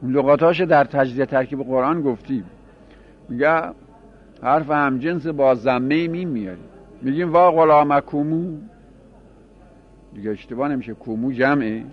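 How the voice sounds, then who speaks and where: A man's voice: on the high side, muffled recording. A man teaching a grammar class, explaining by repeating examples and asking his students questions.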